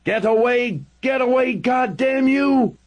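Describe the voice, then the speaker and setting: A man's voice: very high voice, slow pace, pitched above the performer's own voice, exaggerated voice. A man voicing a desperate friend who screams in a raw voice to drive off attacking bears. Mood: frantic.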